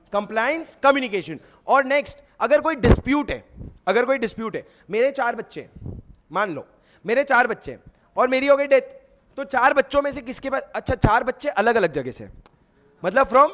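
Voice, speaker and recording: A man's voice: very high voice, fairly bright tone. A man teaching an exam revision lecture, asking questions and answering them himself, with Indian-accented English mixed in. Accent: Indian English mixed into Hindi. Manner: rhetorical questions answered himself, mnemonic drilling.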